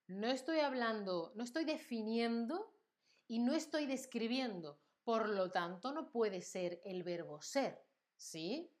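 A young Spanish woman teaching her language on a live stream, speaking slowly and deliberately. She acts out everyday examples with lively exaggeration. She keeps checking in with her viewers as she explains. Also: on the high side. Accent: Spanish from Spain. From Spain.

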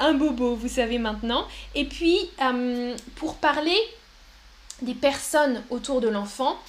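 High-voiced woman teaching French. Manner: slow and clear, repeats words, puts on a babyish voice for examples. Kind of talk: live-stream language lesson.

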